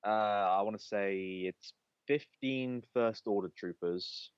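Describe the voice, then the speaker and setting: A man's voice: fairly low pitch, slow pace, smooth, dry recording. A man guesting on a casual podcast, talking in a dry, self-deprecating way. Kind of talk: casual chat. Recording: muffled lo-fi mic.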